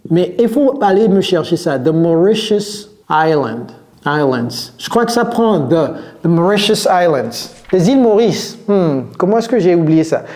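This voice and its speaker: A man teaching English in French as an online coach, playful and lively, switching between languages. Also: high voice.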